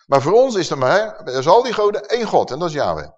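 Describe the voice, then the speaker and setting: A man's voice: on the high side, huge pitch swings, fast talker. A man preaching a sermon, emphatic and full of rhetorical questions to his listeners. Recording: dull sound with long hall reverb.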